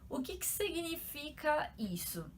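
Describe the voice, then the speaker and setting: A young woman from São Paulo with a São Paulo accent, explaining things in a chatty, animated vlog style full of fillers. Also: high-pitched, unhurried, slight background noise. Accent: São Paulo Portuguese. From São Paulo, Brazil. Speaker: YouTuber.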